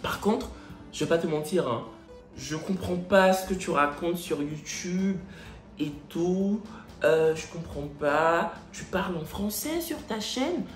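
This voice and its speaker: A patronizing male recruiter who asks measured questions with polite condescension, as a man puts him on. The voice sits fairly high but is dropped a little. It rings in an echoey room with faint music underneath. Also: lively intonation. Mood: condescending.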